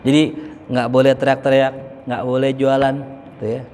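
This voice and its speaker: A man with a medium-pitched, monotone, darkish voice speaks at a moderate pace while giving a casual, joking lesson as a preacher in a mosque, acting out examples. The echoey hall adds faint ambience and a little hiss or hum.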